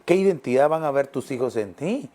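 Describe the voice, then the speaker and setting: A middle-aged male pastor preaching a sermon, emphatic, repeating phrases and slowing down on key words. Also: medium pitch, expressive, dark tone.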